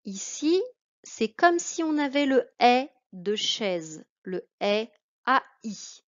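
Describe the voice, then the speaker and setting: A woman with a French accent teaching a reading lesson to a child, speaking slowly and carefully. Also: on the high side, very animated. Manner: slow, careful, addressing a child. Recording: dull lo-fi recording.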